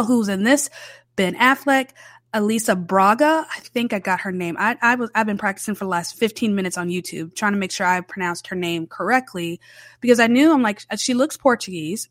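A woman reviews films in a standard American accent with Southern roots. Her delivery is conversational and emphatic, often doubling back on a word to stress it. Her mid-pitched voice sounds close and dry, with very little room around it. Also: moderate pace, fairly bright tone, dry recording. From southern United States. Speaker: film reviewer. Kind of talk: casual, conversational movie review.

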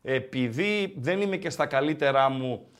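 A man co-hosting a sports live stream, reading viewer messages aloud in an animated, joking, emphatic way while a bit under the weather. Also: mid-range voice. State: slightly sick.

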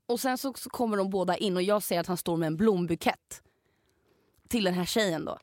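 A young woman, a podcast co-host, casually telling a story in an animated way, swearing freely and acting out what people said. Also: on the low side, no room sound, studio quality.

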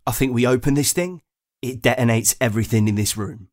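A man's voice: medium pitch, a little fast. A man playing a tabletop role-playing game in a casual, playful way, half acting out his character.

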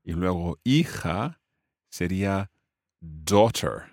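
A man's voice: sits low, expressive, drawn-out words, darkish tone, no room sound, studio quality. A man teaching family words in English, explaining patiently and repeating each word for his student. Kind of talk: language lesson dialogue.

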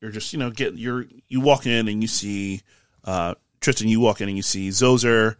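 Low-voiced man running a tabletop game. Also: steady tone, clear, resonant tone, dry recording, clean studio sound. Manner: rambling, halting narration with many fillers. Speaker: game master.

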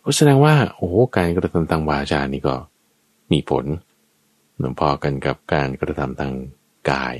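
A man with a low voice that rises and falls a great deal gives a dharma lesson point by point, dropping in everyday examples as he goes. The sound is dry and close, with no room around it. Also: very animated, a little slow, no room sound. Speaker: dharma teacher. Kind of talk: conversational Buddhist teaching.

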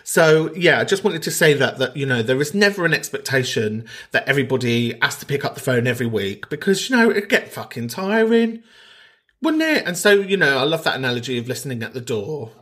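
Camp man with swooping, animated pitch. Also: brisk. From County Donegal, Ireland. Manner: camp, sweary, mock-indignant. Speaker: podcast host. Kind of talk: casual comic chat.

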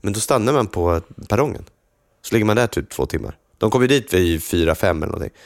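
Teasing low-voiced man chatting. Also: expressive, no echo, studio quality. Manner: teasing, joking, with stammered restarts. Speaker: podcast co-host. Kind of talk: casual chat.

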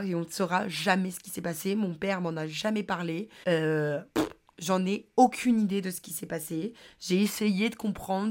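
A young adult woman hosting a podcast, telling personal anecdotes in a casual, slangy way with lots of fillers. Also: mid-range voice. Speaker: podcast host.

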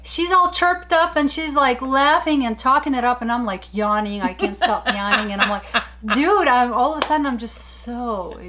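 A woman co-hosting a casual podcast chat, animated and laughing often as she tells stories. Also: fairly high pitch, moderate pace, few pauses, a little hiss or hum. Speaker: podcast co-host.

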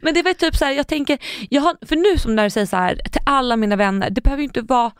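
A woman's voice: sits high, smooth, no room sound, studio quality. A woman co-hosting a casual podcast, giving short, supportive reactions and then talking at length in an easygoing way. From Sweden. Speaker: podcast co-host. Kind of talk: casual chat.

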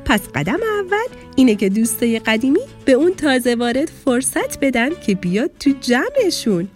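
A woman voicing a kind, patient female fish schoolteacher who lectures calmly and gently, in a children's story. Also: on the high side, soft background music. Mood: teaching.

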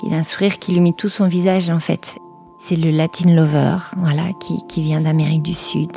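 A woman, recounting a personal memory in a chatty, halting way with many fillers and restarts. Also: low-pitched, level tone, gravelly, dark tone, soft background music. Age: 40s. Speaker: guest telling her story. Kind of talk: personal testimony storytelling.

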